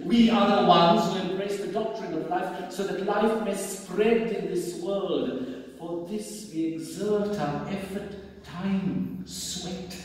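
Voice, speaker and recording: Reading a formal speech from an indoor theatre stage, an older man with a fairly high pitch and darkish tone speaks in an oratorical, emphatic, theatrical, declamatory way. Captured by a far-off audience camera, the audio is distant, heavily echoing in the hall, with faint noise.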